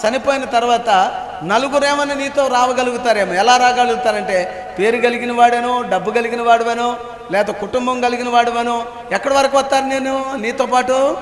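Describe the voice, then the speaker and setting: A man's voice: very high voice, fairly even intonation, fairly quick. A man preaching a sermon as pastor, asking the congregation questions and answering them himself, repeating key phrases. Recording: echoey hall with long reverb.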